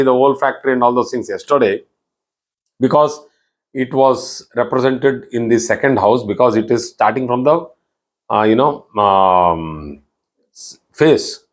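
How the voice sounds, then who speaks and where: A middle-aged man with a South Indian English accent delivers a recorded online astrology lecture in a mid-range voice at a measured pace. He explains things patiently, often repeating words, restarting phrases and saying "you know."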